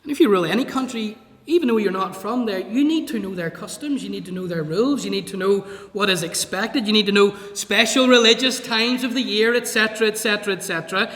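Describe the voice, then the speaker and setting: Bright-voiced preacher in echoey church. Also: male voice, high-pitched, fast talker, hardly any pauses. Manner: expository, reads scripture aloud and explains it. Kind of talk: sermon.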